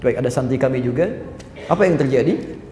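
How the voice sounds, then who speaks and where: Fast-talking male preacher in an echoey hall. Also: mid-range voice, a little hiss or hum. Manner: lively, addresses listeners as sir and madam; acts out quoted prayers and dialogues. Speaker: Islamic preacher. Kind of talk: sermon to a live audience. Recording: echoey hall with faint ambience.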